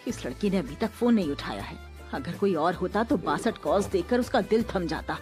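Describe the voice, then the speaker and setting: A woman dubbing a dramatic middle-aged mother who scolds and complains, with soft music behind. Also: lowish voice, animated, normal speed, close to an everyday voice. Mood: aggrieved. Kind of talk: Hindi dub of a TV drama.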